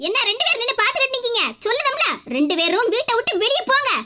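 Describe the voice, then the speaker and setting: A shrill scolding cartoon mother. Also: sing-song, very fast, heavily acted. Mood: angry. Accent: Kanyakumari Tamil. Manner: sharp, scolding, sarcastic. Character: stern, scolding middle-aged mother. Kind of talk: cartoon comedy voice acting.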